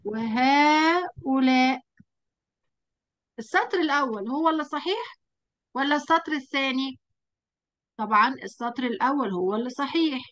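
A woman with an Egyptian Arabic accent, teaching a lesson at a whiteboard, quizzing her pupil and drawing out example words slowly. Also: sits high, pushed and bright, muffled recording.

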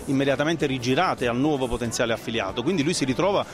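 This is a middle-aged man, a franchise consultant appearing as an interview guest, describing a business through a handheld microphone. His pitch is medium and his pace quick, while crowd noise and background music fill the indoor trade fair stand.

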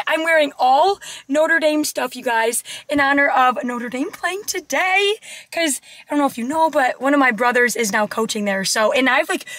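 A bubbly woman, chatting straight into her phone camera for a casual vlog. Her voice sits high, and the echoey room sound rings around her words. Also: a bit bright. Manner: bubbly, chatty, full of "like" and "you guys". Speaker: vlogger.

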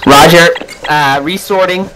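A man's voice: a little high, unhurried, crowd noise, low-quality recording. A man talking like a hotshot pilot, giving clipped military brevity calls as element leader in a flight sim game. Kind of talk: military radio brevity calls during gameplay. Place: online voice chat over a flight simulator.

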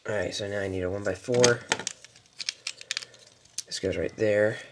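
In a noisy home video recorded on a camera mic at a table, a man with a very low voice gives a casual toy-building tutorial. He proceeds step by step in a relaxed, halting way, leaning heavily on fillers and quiet mutters.

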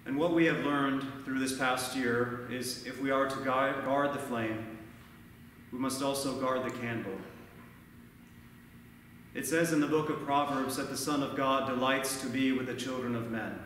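A man in his thirties, a priest giving a measured, earnest sermon at a lectern, recorded from far off in a large church. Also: mid-range voice, fairly even intonation, a bit bright, very echoey, long reverb tail, a little hiss or hum. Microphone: far camera, no mic seen.

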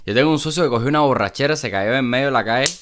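A man's voice: medium pitch, rapid-fire, fairly bright tone, slight background noise. A man, co-hosting a casual podcast, reacting with exclamations and slangy asides and telling his own stories. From Cuba. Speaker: podcast co-host. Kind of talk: casual chat.

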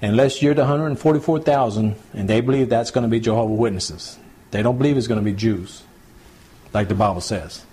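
In a small home gathering captured on CD, a pastor leads a Bible study in a husky, mellow voice with a drawl. His pitch sits on the low side and his pace is brisk, and he keeps things plain and conversational, going back over his points and checking on the group.

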